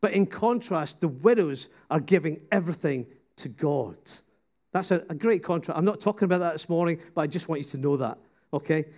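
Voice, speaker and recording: A man preaching a sermon at a church service, retelling a story with lively asides and acted quotes. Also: a little high, a little fast. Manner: animated storytelling, jumping into voices.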